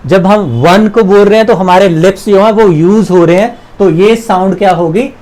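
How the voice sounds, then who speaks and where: High-voiced man teaching English. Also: normal speed, a little mellow, rough recording. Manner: patient, repeats examples and asks questions. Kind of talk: explanatory lesson.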